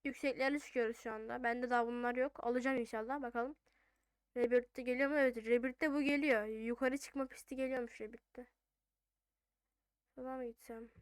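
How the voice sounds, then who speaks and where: A female gaming host with a noticeably high, smooth voice. She comments on her game casually, thinking out loud in informal speech. The sound is close and dry. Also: fairly even intonation, moderate pace, dry recording.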